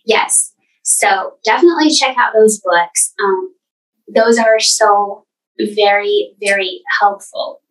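A woman guest telling her personal story earnestly, with halting restarts. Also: mid-range voice, recorded from a distance, low-quality recording. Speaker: podcast guest.

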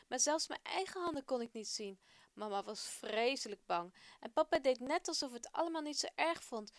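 A frightened, awed Egyptian boy in a children's radio story, voiced by a woman. He talks high and loud, in a breathless rush. The voice sounds dry and close. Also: dry recording.

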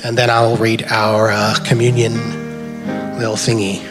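A man's voice: lowish voice, little pitch movement, a little slow. A man giving a loose, conversational sermon in a church hall and leading a closing prayer, often tagging his points with "right?". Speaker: preacher. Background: keyboard music playing behind.

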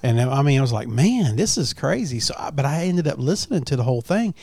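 A man hosts a relaxed chat from a farm. His gravelly voice is dry and close, and his delivery is folksy and halting. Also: mid-range voice, dry recording. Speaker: podcast host. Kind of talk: casual chat. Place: at a family farm.

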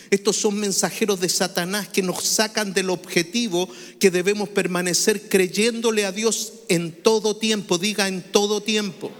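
A man preaching to a congregation in a high voice. He calls on the listeners to repeat key phrases after him. The sound rings with the long echo of a large church hall. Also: a bit bright. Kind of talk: sermon. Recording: reverberant hall.

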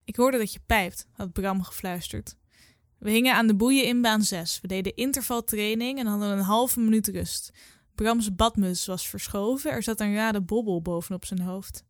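A young woman in her twenties reads her own short story aloud. Her delivery is calm and measured, at a mid pitch for a woman. The recording is dry and close, with no room echo. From Netherlands. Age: 20s. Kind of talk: literary reading.

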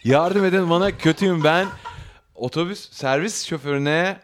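A man's voice: fairly high pitch, normal speed. A man hosting an advice podcast, joking with his co-hosts and reading a listener letter aloud in a playful tone. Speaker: podcast host.

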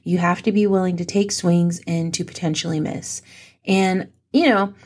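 A woman's voice: on the low side, steady tone, moderate pace, a little mellow. A young adult woman hosting her own podcast, chatty and playful with a self-mocking streak, a little teary. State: teary, emotional. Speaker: podcast host. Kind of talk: casual solo podcast chat.

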